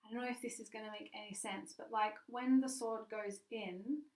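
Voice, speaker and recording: A woman's voice: medium pitch, fairly even intonation, moderate pace, a little mellow. A woman sword swallower giving a casual, frank show-and-tell, explaining informally and stressing key words. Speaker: sword swallower, stage performer. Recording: echoey room, distant mic.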